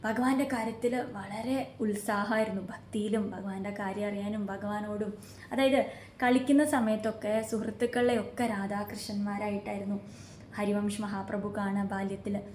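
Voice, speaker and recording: A woman recounts a devotional story in an earnest, unhurried way, stopping to ask her listeners rhetorical questions. Her voice sits at an ordinary middle pitch. The room is echoey, with a faint hum of ambient noise behind her. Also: a little mellow.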